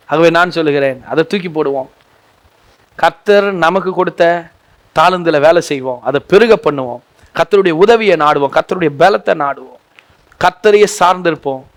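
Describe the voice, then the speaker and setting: Man, pastor, gravelly voice, fervent repetitive sermon, bursts of shouting. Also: a little high. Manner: impassioned, repetitive preaching that swells to shouts.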